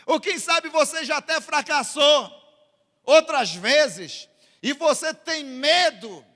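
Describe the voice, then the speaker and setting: A man's voice: very high-pitched, slow pace, pushed and bright, in a large hall. A Brazilian man preaching a sermon as a pastor in a church, with dramatic delivery that acts out the scripture lines. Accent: Brazilian Portuguese.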